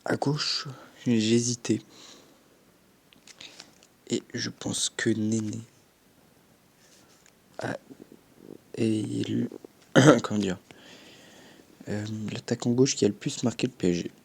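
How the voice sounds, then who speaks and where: Young male gaming YouTuber, husky and low, casual commentary, swears offhandedly. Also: fairly even intonation, slow pace, pauses often. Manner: chatty, swears offhandedly, punctuates with sound effects.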